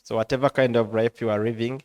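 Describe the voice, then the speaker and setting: Man, interpreter, halting, flat delivery, dry sound. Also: mid-range voice, no room sound. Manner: halting, with restarts and fillers while translating. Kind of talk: live consecutive interpretation into English.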